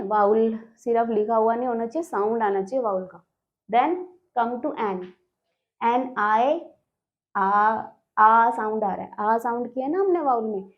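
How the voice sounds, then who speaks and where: A high-pitched woman teaches a grammar lesson, patiently sounding out each word and checking her point with a quick question. The recording is dull and a little lo-fi. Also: a little mellow. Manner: explains step by step, sounding out words, often checks with a question.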